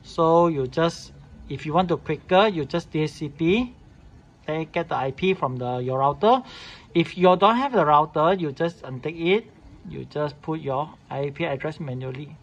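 The tutorial host, a man with a fairly high voice talking at normal speed, shows how to set up a device. It's an unscripted, informal, step-by-step demo in clipped, repetitive, non-standard English. There's clear noise in the room recording.

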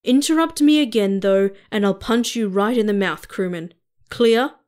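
A woman's voice: mid-range voice, normal speed, a little mellow, clear, resonant tone, lightly acted. A woman voicing a burly, short-tempered male space captain who barks orders and bellows threats. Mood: threatening.

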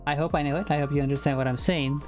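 A young man whose first language is Icelandic live-streams programming from his home room on a headset mic, talking it through casually with many fillers and restarts. His voice is a little high and steady, delivered rapid-fire, with soft background music.

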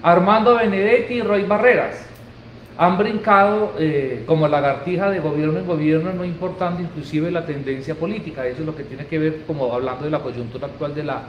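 A man's voice: on the high side, fairly quick, dull audio, slight background noise. A man in his forties with an Antioquian Colombian accent, co-hosting a political talk show in an emphatic, colloquial way. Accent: Colombian Spanish, Antioquia. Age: 40s. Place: office studio, indoors. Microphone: desk microphone. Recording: echoey room.

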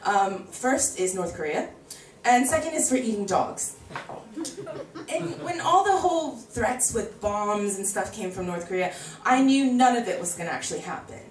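A thirty-something American woman does a chatty stand-up set in a small bar comedy club, speaking at medium pitch and normal speed. She's animated and acts out voices when quoting people. Her handheld mic is picked up by a distant camera, so the room sounds echoey and far away.

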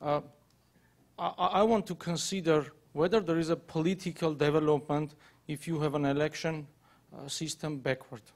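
Audience scholar, man, slightly high voice, hesitant. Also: steady tone, normal speed. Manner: hesitant, repeats words. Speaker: visiting scholar asking a question. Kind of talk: audience question.

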